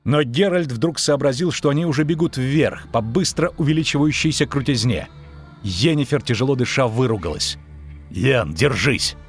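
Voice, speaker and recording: A man narrating an audiobook in a steady, dramatic reading. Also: medium pitch. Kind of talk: scripted narration.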